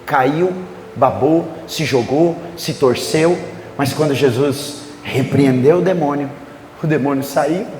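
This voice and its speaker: A man's voice: on the high side, slow, a little hiss or hum. A male pastor preaching a conference sermon in a church, telling Bible stories and acting out their scenes with a Brazilian accent. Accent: Brazilian Portuguese. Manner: animated storytelling preacher who acts out biblical scenes. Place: church sanctuary during a conference service. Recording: echoey church hall with faint music.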